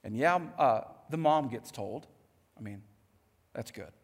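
A man preaching a sermon as pastor, animated and moving between hushed lines and emphatic ones. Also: mid-range voice, unhurried. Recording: echoey hall.

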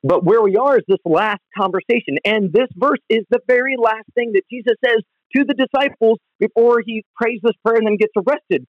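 A man's voice: high voice, a little fast, hardly any pauses, no echo. A man, a pastor, gives an earnest, conversational devotional talk from home, heard over the phone. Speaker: pastor and podcast host. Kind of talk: devotional podcast teaching. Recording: dull lo-fi phone recording, dry.

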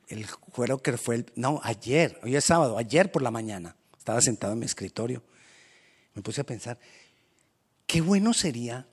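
Husky-voiced preaching pastor. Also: male voice, mid-range voice. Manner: animated, acts out quoted voices. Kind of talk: sermon.

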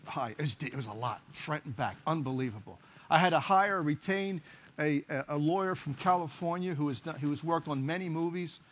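A man's voice: fairly high pitch, a little fast, a bit bright. A middle-aged male pastor preaching a sermon, telling stories animatedly and acting out the dialogue. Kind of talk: sermon with storytelling.

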